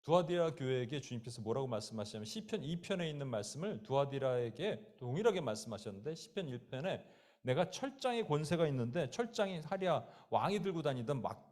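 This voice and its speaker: A man's voice: fairly high pitch, darkish tone. A man preaching a sermon as pastor, telling stories vividly and acting out voices in the quotes, speaking straight to his listeners. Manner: direct, addresses listeners and a child by name.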